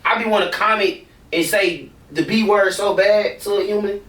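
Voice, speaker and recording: A man's voice: sits high, normal speed, a bit bright, echoey room, distant mic. A man, a rapper, talking casually and bluntly in an interview, rambling and swearing freely.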